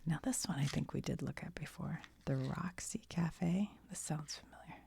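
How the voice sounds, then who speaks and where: At a moderate pace, an American woman murmurs through an ASMR show-and-tell, reading things aloud and chatting casually like she's thinking out loud for the viewer. The whisper sits low and is heavily creaky, its tone blurred by breath that roughens each phrase.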